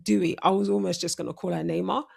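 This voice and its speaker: A woman's voice: on the low side, steady tone, fast, gravelly, darkish tone. A woman hosting a casual sports breakdown, chatty and self-correcting, her speech slightly impeded by braces. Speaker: host.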